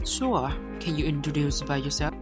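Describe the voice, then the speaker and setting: A woman's voice: low voice, moderate pace. A young woman with a Vietnamese accent narrating a scripted school project as a tour guide, reading carefully. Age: young adult. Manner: careful, read-aloud delivery. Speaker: student presenter playing a tour guide. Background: background music.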